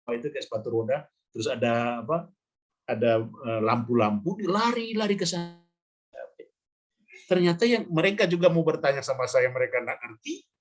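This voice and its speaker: A middle-aged man, a pastor, tells a personal story in a preaching podcast, animated and acting out the people in it. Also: medium pitch.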